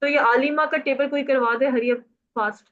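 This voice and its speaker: A woman's voice: high voice, steady tone, unhurried, a bit bright. Woman teacher drilling a grammar lesson. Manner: drills conjugations, prompts and praises students. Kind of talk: classroom lesson on Arabic grammar. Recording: muffled lo-fi audio.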